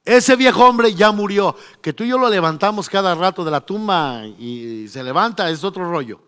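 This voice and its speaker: A man's voice: high-pitched, animated, moderate pace, fairly bright tone, smooth. A man preaching a sermon, emphatic and storytelling. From Mexico. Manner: storytelling, emphatic, acting out quotes. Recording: long reverb of a church hall.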